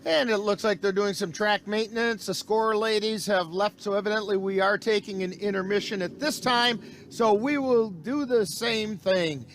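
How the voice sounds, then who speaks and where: High-pitched male race announcer. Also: fairly even intonation, normal speed, a bit bright, a little hiss or hum. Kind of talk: live sports commentary.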